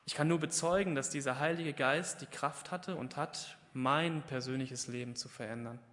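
Prediger mit hallender Kirchenstimme. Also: male voice, mid-range voice, steady tone, normal speed, fairly bright tone, long reverb tail. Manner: conversational, asks questions and answers them himself; acts out the biblical dialogue with raised, emphatic voice. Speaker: preacher. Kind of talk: Pentecost sermon. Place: church.

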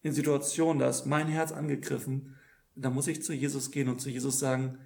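A man's voice: mid-range voice, level tone, fast talker, creaky, darkish tone. A man preaching a sermon in an earnest tone, often stumbling over repeated words as he restarts.

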